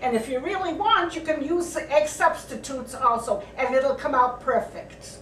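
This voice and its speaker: Older woman, cooking show host, high-pitched, warm kitchen echo. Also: normal speed, a little hiss or hum. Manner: homey, plain-spoken, grandmotherly. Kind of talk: casual cooking show chat. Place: home kitchen. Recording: echoey kitchen, mic at a distance.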